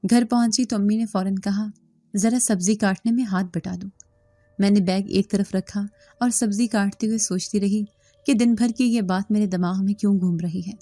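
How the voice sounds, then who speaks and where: Mellow-voiced woman narrating a horror story. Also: mid-range voice, fairly even intonation, normal speed, no room sound. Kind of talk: scripted first-person horror story narration.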